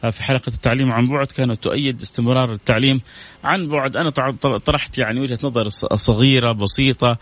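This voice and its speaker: A man's voice: medium pitch, steady tone, quick pace, fairly bright tone, dry recording. A man hosting a religious call-in show, chatting casually, reading viewer messages aloud and repeating phrases for emphasis. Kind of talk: casual broadcast talk with religious advice.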